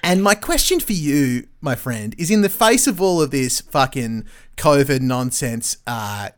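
A man's voice: medium pitch, measured pace, smooth. A man hosting a podcast, teasing and swearing in casual chat. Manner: animated, sweary, teasing interviewer. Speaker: podcast host.

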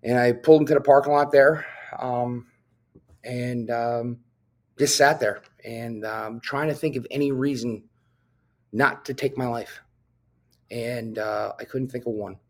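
Man, podcast guest, police officer, from new jersey, blunt, swears freely, lots of ums, mid-pitched. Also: fairly even intonation, a little slow, pauses often, darkish tone. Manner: blunt and profane, with frequent fillers. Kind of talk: candid personal storytelling.

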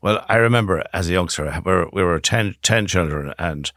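An older man with a west of Ireland accent, reminiscing in a measured, reflective way as a guest in a conversational interview. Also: sits low, fairly bright tone, no echo, clean studio sound. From Galway, west of Ireland.

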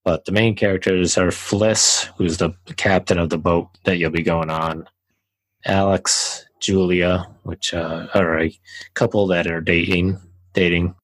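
Deep-voiced man casually reviewing a game. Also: no room sound, rough recording. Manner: relaxed, rambling with fillers and restarts. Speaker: podcast co-host.

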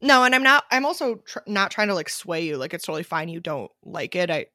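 A young woman co-hosting a podcast, chatting in an animated way with lots of "like". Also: fairly low pitch, fast, a little hiss or hum. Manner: animated, full of fillers. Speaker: podcast co-host. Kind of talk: casual chat.

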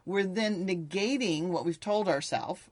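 A woman's voice: lowish voice, unhurried, darkish tone, dry recording. A woman explaining mindset techniques in an upbeat coaching tone, in a casual podcast conversation.

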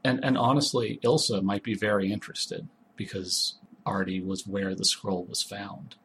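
A man's voice: on the low side, steady tone, moderate pace, fairly bright tone, slight background noise. A man narrating as game master of a tabletop role-playing game, with dry, teasing asides.

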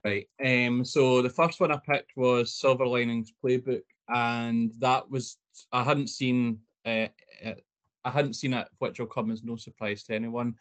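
A man chats casually on a podcast in a mid-pitched voice. He rambles and hesitates, often laughing as he goes. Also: level tone, a little slow, fairly bright tone. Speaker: podcast co-host. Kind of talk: casual chat.

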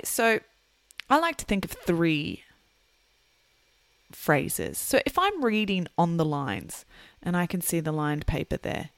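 A woman presents a podcast for English learners in a dry, close recording. She takes her time, speaking very slowly and explaining like a teacher. Her pitch sits a little on the low side. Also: a bit bright, no room sound. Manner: clear teacherly explaining, measured.

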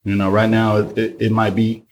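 A man in his forties from Oakland, a podcast guest, talking in a slow, reflective way. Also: fairly low pitch, monotone, slight background noise. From Oakland, California. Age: 40s. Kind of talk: casual podcast chat.

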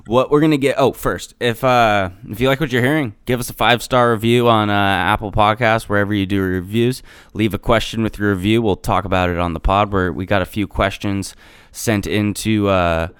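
A man with a fairly low, clean voice hosts a sports podcast. He talks through the recap casually and with slang, in a dry, close sound. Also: fairly bright tone, smooth, no echo. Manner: informal, slangy.

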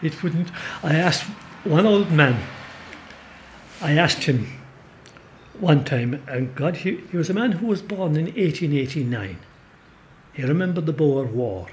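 With a fairly high pitch and lively intonation, a Kerry-accented older Irishman speaks a little slowly as he recounts emphatic, wandering anecdotes. A storyteller and folklorist, he is an interview guest in the back of a pub, keeping things relaxed; slight background noise is present.

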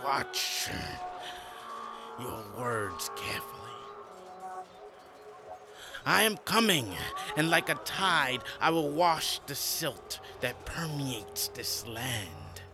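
A man voicing a corrupted male warlord whose voice is half human and half creature, making slow, threatening proclamations. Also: medium pitch, big pitch swings, music in the background. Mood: menacing.

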